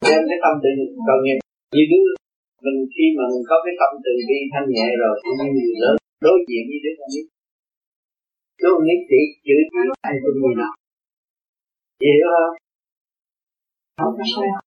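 A man's voice: on the high side, brisk, pauses often, highs cut off, faint music behind. A man teaching as a Buddhist teacher in an earnest dharma talk, often checking that his listener understands. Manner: earnest, repeating questions like "see?".

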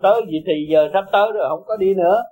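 A man teaching Buddhism in a high, carrying voice. He talks bluntly and emphatically, pushing and coaxing his listeners by turns. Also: fast talker, a little mellow, low-quality recording. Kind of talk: blunt Dharma talk to followers.

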